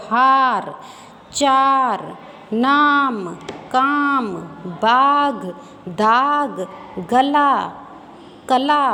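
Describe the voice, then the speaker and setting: A woman teaching a reading lesson to young children, sounding out syllables slowly and repeating each word. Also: high voice, fairly bright tone. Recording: faint background noise, long reverb.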